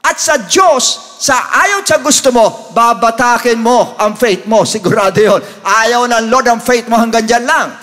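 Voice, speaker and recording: Man pastor, very high voice, preaching sermon, bursts into shouts, long church reverb. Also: moderate pace, few pauses. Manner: preaching in Tagalog mixed with English scripture, rising to shouts.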